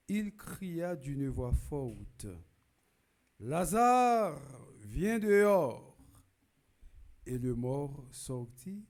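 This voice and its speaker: A man with a Haitian accent, a priest reading the gospel and giving a funeral homily in a church, measured and rising to loud proclaiming calls. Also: mid-range voice. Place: church during a requiem mass.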